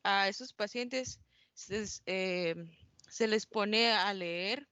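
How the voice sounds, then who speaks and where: A young woman works through a class presentation, pausing often with fillers and correcting herself as she goes. Her voice is smooth and clear at a middling pitch. The recording is dry and a little dull, with no room sound. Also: pushed and bright, no echo. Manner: hesitant, many fillers and self-corrections. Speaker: student presenter.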